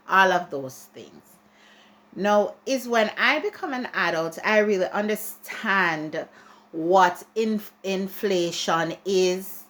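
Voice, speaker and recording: An adult Jamaican woman vlogs a chatty, ranting opinion piece to camera, often restarting and repeating herself. Her voice is fairly low in pitch with a fairly bright tone.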